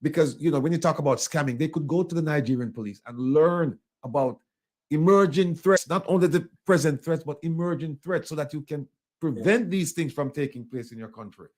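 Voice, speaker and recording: Jamaican man, talk host, earnest questioner, a bit high-pitched, many "you know"s and restarts. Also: brisk, darkish tone.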